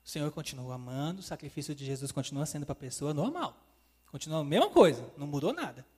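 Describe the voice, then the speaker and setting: A man's voice: fairly high pitch, big pitch swings, quick pace, darkish tone, husky. A man preaching a sermon, calling listeners "dear ones" and acting out God's words in quotes. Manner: addresses listeners as "queridos", acts out God's voice in quotes. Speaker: evangelist preacher. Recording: long hall reverb.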